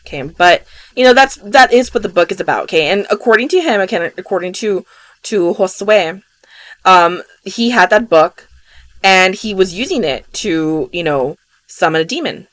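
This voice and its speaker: A woman's voice: mid-range voice, expressive, moderate pace, fairly bright tone, dry recording. A woman podcast host retelling a strange case in a loose, casual way, full of "you know" and "um". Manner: rambling, filled with "you know" and "um". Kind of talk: casual true-story retelling.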